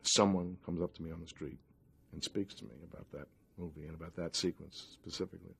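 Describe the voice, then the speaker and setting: Very deep, husky man, rapid and emphatic. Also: steady tone, fairly bright tone. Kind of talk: documentary interview.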